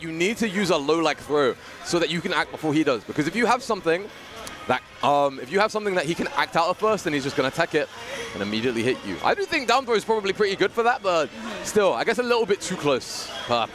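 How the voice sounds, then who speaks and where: Excitable British man on commentary. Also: fairly high pitch, quick pace. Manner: playful, jokey, excitable on big moments. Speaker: esports commentator. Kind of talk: live tournament commentary.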